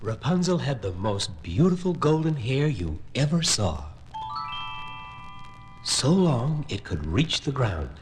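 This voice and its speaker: A man narrating a fairy tale on a vintage children's record in an expressive storytelling voice. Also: mid-range voice, takes it slowly, faint music behind, low-quality recording.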